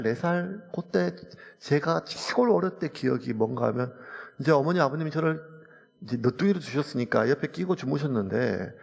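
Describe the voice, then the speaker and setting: A man's voice: a little high, creaky. A man, preaching a sermon as pastor. He talks in an earnest, conversational way and mixes in personal stories. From South Korea. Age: late 40s. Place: church sanctuary. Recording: reverberant church hall.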